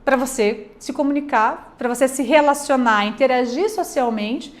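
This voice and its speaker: A woman's voice: high-pitched, normal speed. A Brazilian woman teaching a class in a conversational way, checking in with her students often and acting out little examples. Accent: Brazilian Portuguese. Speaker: lecturer. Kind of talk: recorded online class lecture.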